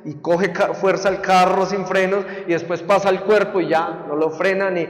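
High-voiced man preaching in a reverberant hall. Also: normal speed. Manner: animated, acts out quoted people and sound effects. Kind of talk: sermon teaching.

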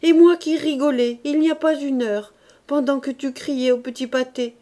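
A woman reading aloud, voicing a boisterous working-class roofer husband who teases loudly. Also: sits high, fairly even intonation, moderate pace, pitched above the performer's own voice, lightly acted. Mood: teasing. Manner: loud, teasing, bantering.

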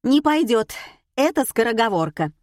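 Woman doing a squealy fed-up radio quiz lady, voice jumps way up high, dry close sound. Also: very animated, moderate pace, a little mellow, no echo. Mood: exasperated. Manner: squealing, exasperated, lecturing. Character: shrill flustered female radio quiz host. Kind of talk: audiobook character voice.

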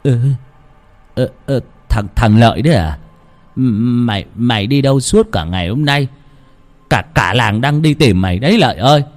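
A man voicing an older village man with a booming, loud voice who stammers when flustered. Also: lively intonation, normal speed, faint music behind, natural voice. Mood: startled.

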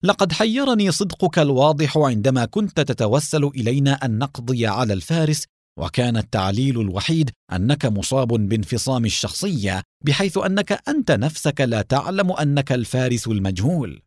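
A composed police captain, read by a man narrating reasons aloud in a calm, even-paced manner with a lively melody. The voice sits close in a dry recording. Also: mid-range voice, no room sound. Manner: calm and measured.

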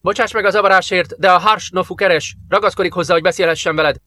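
A man's voice: sits high, steady tone, sharp tone, no room sound, voice pushed up. Man voicing a polite alien operator, apologetic, audiobook, dry.

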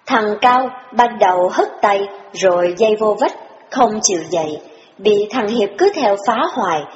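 Woman narrating an audiobook in a reverberant room. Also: mid-range voice. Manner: steady, measured storytelling. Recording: dull, roomy reverberant audio with faint music.

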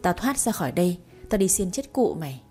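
An arrogant young master yelling in panicked fury, as a woman reader puts him on, with a mellow, husky voice. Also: lowish voice, very animated, brisk, soft background music. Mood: furious panic. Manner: shouting, panicked.

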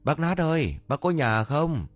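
A man's voice: mid-range voice, animated, brisk, dry recording, faint music behind, voice pushed up, natural voice. A man putting on a whiny, cheeky young guy. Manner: whining, complaining, mocking.

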